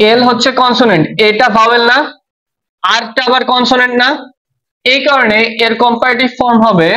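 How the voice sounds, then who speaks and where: A man's voice: sits high, a bit bright. A man with a Bangladeshi Bengali accent giving a classroom English grammar lecture, spelling words out letter by letter and asking the class check questions. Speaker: English teacher. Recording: dull lo-fi audio.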